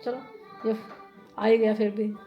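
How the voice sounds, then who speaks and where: A woman's voice: medium pitch, level tone, a little slow, highs cut off, faint music behind. A woman from India telling a story in a casual vlog. She talks in a rambling, chatty way, often laughing and repeating herself. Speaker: vlogger.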